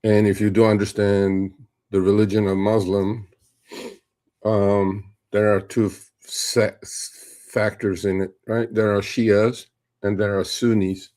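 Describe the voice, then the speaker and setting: A man's voice: fairly low pitch, flat delivery, slow pace, warm tone. A middle-aged man from Turkey hosting a live show, talking in a rambling, conversational way with many fillers and asides. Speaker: host. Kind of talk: casual livestream commentary.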